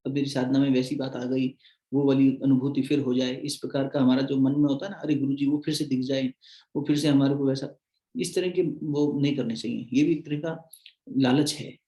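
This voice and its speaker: Male spiritual teacher: mellow, conversational devotional discourse with slow chanted verses, echoey room. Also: mid-range voice.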